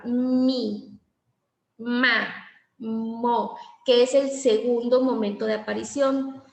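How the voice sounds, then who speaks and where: A woman's voice: high-pitched, reverberant. A woman giving a lecture on language therapy, explaining step by step and acting out short exchanges between teacher and child. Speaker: teacher trainer.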